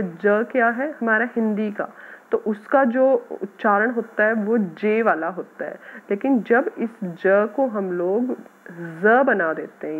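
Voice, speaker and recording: A woman teacher patiently explaining a grammar lesson to schoolchildren, sounding out words slowly. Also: medium pitch, breathy edge. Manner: patient, addresses students as "beta", repeats words slowly. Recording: tinny phone-like audio.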